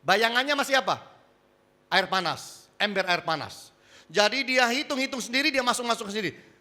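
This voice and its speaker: Lively, bright-voiced male preacher. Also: very high-pitched, normal speed. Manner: lively preacher, swings from loud emphasis to quiet asides. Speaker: pastor. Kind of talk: sermon. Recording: church hall with reverb.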